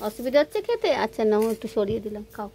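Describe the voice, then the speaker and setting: A woman's voice: fairly high pitch, very animated, very fast, warm tone, slight background noise. A woman filming her pet cat at home, coaxing it to eat in cooing baby talk. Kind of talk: casual home video.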